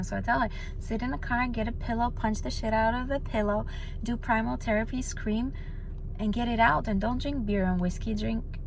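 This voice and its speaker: A woman vlogger from Latvia chats straight to her viewers in a loose, rambling way, circling back and restarting her sentences. Her voice sits at an everyday middle pitch. A faint noise runs underneath the recording. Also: rough recording. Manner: rambling, animated storytelling with many restarts. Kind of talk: casual chat.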